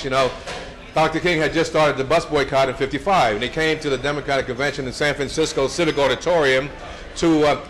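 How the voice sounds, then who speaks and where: An American man in his seventies tells stories at a brunch event, chuckling through anecdotes and restarting many times. His voice is mid-range and a touch bright.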